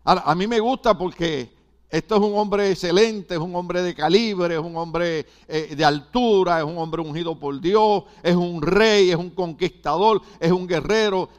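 Older male pastor, high-pitched, preaching with repeated rhetorical questions. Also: normal speed. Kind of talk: sermon.

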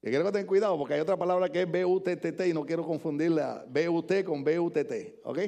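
An older Puerto Rican pastor preaching in church with a notably high voice. He swings from joking asides to emphatic points. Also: fast, vocal fry, mellow. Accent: Puerto Rican Spanish. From Puerto Rico. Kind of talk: sermon. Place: church with congregation.

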